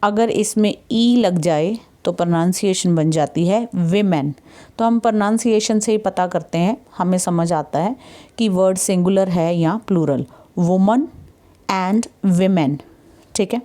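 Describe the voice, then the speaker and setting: A woman's voice: mid-range voice, warm tone. Patient Indian woman teaching English. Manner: patient, repeats "ठीक है" to check understanding; reads English passages slowly and deliberately. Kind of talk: explaining a textbook chapter to students.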